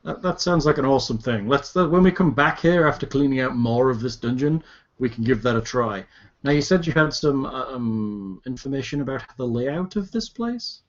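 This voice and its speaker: Male tabletop player, medium pitch, casual conversational delivery, dull lo-fi sound. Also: animated, moderate pace. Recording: dull lo-fi audio.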